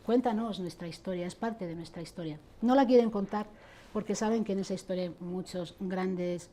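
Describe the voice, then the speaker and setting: A woman's voice: medium pitch, normal speed, warm tone. A middle-aged woman, answering interview questions in an impassioned, indignant way and addressing church leaders directly. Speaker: interviewee, abuse survivor advocate.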